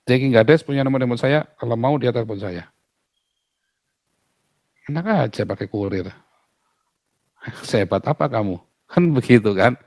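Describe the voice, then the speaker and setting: A man's voice: mid-range voice, darkish tone, no echo, studio quality. A man, a pastor, talking in an outspoken casual way, emphatic and full of rhetorical questions.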